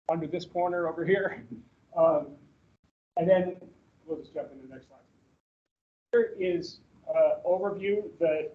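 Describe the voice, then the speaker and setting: A man with a slightly higher voice walks colleagues through slides in a meeting room, heard over a video call. He talks casually, rambling and restarting with plenty of fillers. The audio is dull and lo-fi, like a captured meeting call. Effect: heard through a video-call meeting recording. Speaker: manager presenting at a staff orientation. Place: meeting room with people present.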